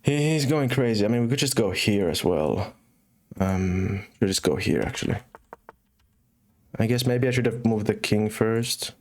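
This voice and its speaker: Casually streaming chess, a young man from Finland talks at a moderate pace in a lowish voice. His accent is Finnish blended with British and American English, and his live commentary is full of fillers and restarts as he thinks aloud.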